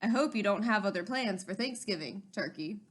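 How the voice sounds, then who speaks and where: A woman's voice: mid-range voice, expressive, a little fast, breathy edge, voice pushed down. Woman reading as a kindly, eager storybook moose husband. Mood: politely insistent. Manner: earnest, emphatic, hearty.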